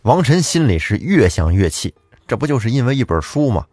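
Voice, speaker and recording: A man's voice: medium pitch, very animated, a little fast, a little mellow, no echo. A man telling a folk tale in a chatty way, speaking directly to the listener. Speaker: storyteller.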